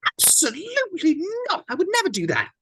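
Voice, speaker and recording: A man's voice: extremely high pitch, huge pitch swings, brisk, bright, forceful tone, slight background noise, exaggerated voice. A man playing a nervous, polite captive in a script read, hesitant and deferential. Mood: nervously deferential. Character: nervous, polite, flustered young man held at gunpoint. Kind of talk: table read of a film script.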